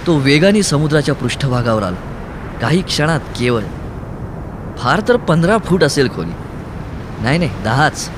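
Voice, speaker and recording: Man narrating an audiobook with lively pitch. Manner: dramatic storytelling with rising intensity. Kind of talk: scripted narration. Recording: narration over ocean and wind sounds.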